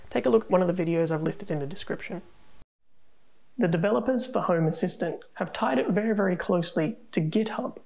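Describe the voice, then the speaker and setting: A woman hosting a tech tutorial, narrating a screen recording with calm, step-by-step instructions. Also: lowish voice, creaky, low-quality recording.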